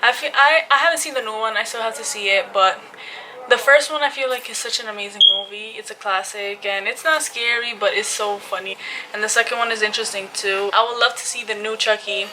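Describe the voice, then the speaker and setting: A woman's voice: fairly high pitch, fairly even intonation, brisk. A young woman vlogging casually and enthusiastically, a little out of breath as she talks. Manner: chatty, enthusiastic, says freaking and like a lot. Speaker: YouTuber. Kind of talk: casual vlog chat. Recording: noticeable background noise.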